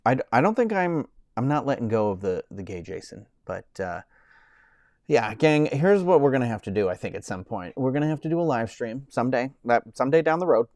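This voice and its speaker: A man in his thirties rambles casually to his live-stream viewers, sprinkling in "like" and "um" and restarting sentences often. His pitch is mid-range for a man, though he says he has a high-pitched voice, and his delivery is sing-song, brisk, and a little mellow. The audio is dry and close, with no room echo.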